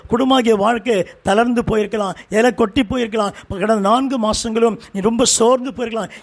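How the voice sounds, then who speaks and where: Fervent high-voiced Tamil preacher man. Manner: fervent preaching in repeated short phrases. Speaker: pastor. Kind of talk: sermon.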